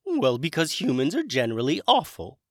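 A man voicing a genial, eccentric old dragon wizard with a high, airy, chatty voice. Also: huge pitch swings, brisk, a bit bright, no echo, clean studio sound.

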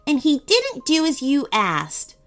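A woman's voice: high-pitched, huge pitch swings, takes it slowly, soft background music, voice pushed up, full character voice. A woman doing an eager little gingerbread boy. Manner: eager and bright.

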